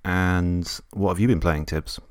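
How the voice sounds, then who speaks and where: A man's voice: deep voice, fairly even intonation, measured pace, darkish tone, no room sound, studio quality. A man in his thirties hosting a podcast, easygoing and joking. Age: 30s. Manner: easygoing, joking, brief interjections. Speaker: podcast host. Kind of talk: casual podcast chat.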